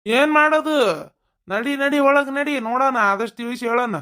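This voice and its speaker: A voice actor playing a gruff, sarcastic middle-aged husband in a cartoon, scolding in a North Karnataka Kannada accent. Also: high-pitched, brisk, pushed and bright. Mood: urging.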